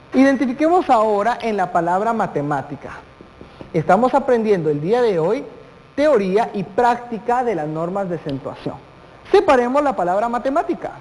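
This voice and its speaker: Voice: mid-range voice, darkish tone. A teacher giving a televised classroom lesson, speaking straight to the students, posing questions and stretching out key words. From Guatemala. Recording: long hall reverb.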